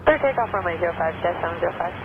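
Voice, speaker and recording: A woman's voice: lowish voice, expressive. A woman airline pilot giving a terse, clipped readback to the tower over a cockpit headset radio. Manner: terse, rapid, routine phrasing. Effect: cockpit headset radio transmission. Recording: muffled radio feed under loud aircraft noise.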